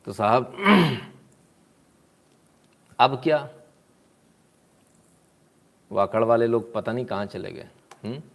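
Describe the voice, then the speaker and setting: A man's voice: medium pitch, lively intonation, slow pace, pauses often, a bit bright. Sarcastic man doing casual commentary. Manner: sarcastic, mocking asides; clears throat often. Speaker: political commentator.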